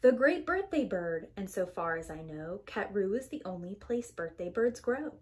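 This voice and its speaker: A woman with a mid-range, slightly dark voice reads a rhyming children's story at a moderate pace. Her sing-song delivery is emphatic and theatrical, like a preschool teacher performing an expressive storybook read-aloud.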